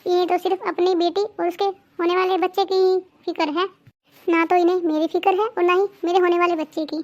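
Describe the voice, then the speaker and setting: Young cartoon daughter-in-law, self-pitying, voiced by a woman; very high. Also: flat delivery, brisk, a little mellow, dull audio. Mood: complaining. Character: young pregnant daughter-in-law, put-upon and complaining. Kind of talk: cartoon voice acting.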